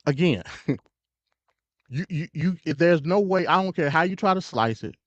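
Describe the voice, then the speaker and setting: With a fairly high pitch and lively intonation, this American man talks at a moderate pace on a dry recording. He hosts a live stream of casual, opinionated political commentary that's emphatic, slangy, repetitive and stuttery but conversational. The sound quality is dull and lo-fi.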